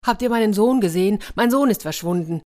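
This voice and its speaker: A woman's voice: mid-range voice, lively intonation, a little mellow, voice pushed up, close to an everyday voice. A woman voicing a frantic village father in a children's story, searching for his missing son. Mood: panicked. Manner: hurried and frantic.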